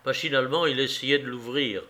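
A man reading a novel aloud as an audiobook narrator, in steady, measured storytelling. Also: mid-range voice.

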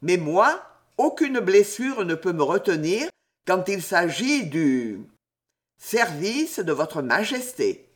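A man playing a hoarse, agitated wounded count. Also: sits high, big pitch swings, slow, heavily acted. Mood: ironic. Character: agitated wounded male count, proud courtier.

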